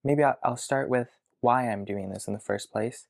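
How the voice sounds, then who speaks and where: A man of about twenty talking to his future self in a video diary from his childhood bedroom, hesitant and reflective, pausing to think aloud. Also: mid-range voice, creaky. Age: around 20. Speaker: vlogger.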